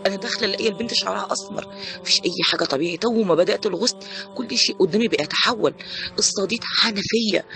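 A woman's voice: mid-range voice, fairly bright tone. An Egyptian woman in her forties, a corpse washer, talking in a voice message in a shaken way and repeating pious phrases.

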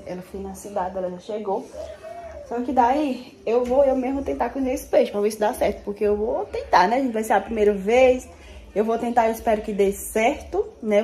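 A woman's voice: a little high, mellow. A young woman from Brazil, chatting casually to viewers while cooking lunch in her home kitchen, filmed on a phone at arm's length. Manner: chatty, addresses viewers as "gente". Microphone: phone held at arm's length.

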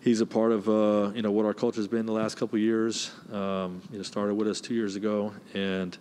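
A man in his forties, a basketball head coach, answering press questions in a measured way with many "you know" fillers, on a desk mic in a press room. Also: on the low side, little pitch movement, darkish tone, clean tone. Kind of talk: postgame press conference answers. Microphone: desk mic, close.

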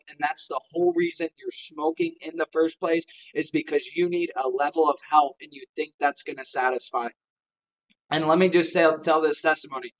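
A man's voice: fairly high pitch, a bit bright, dull audio. A man giving his testimony, who exhorts the listener directly and prays fervently. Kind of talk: fervent preaching and prayer.

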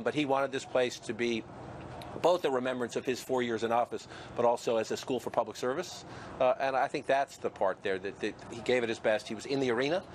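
A man reporting live outdoors as a field correspondent, brisk and conversational, listing points. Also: medium pitch, a little hiss or hum. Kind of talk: live news commentary. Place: outdoors at a library.

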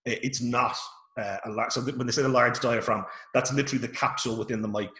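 A man's voice: mid-range voice, steady tone, quick pace, pushed and bright, roomy sound. A man with an Irish accent giving a casual online workshop from home, talking informally with many fillers and restarts. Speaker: workshop presenter. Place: home room. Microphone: video call.

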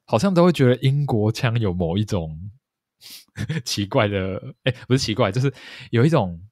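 A man's voice: lowish voice, big pitch swings, normal speed, a little mellow, no echo, studio quality. A man co-hosting a podcast, chatting casually and thoughtfully, often hedging and correcting himself. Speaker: podcast co-host. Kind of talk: casual chat about a TV series.

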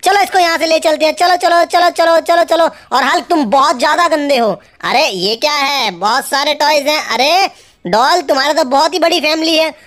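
A woman narrating a toy play video for children, full of excited exclamations and playful scolding of the toys. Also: sits high, normal speed.

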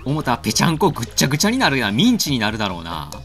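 A man with a Kansai accent doing let's-play commentary, joking crudely and getting excited. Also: mid-range voice, very fast, soft background music. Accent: Kansai Japanese. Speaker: game commentator.

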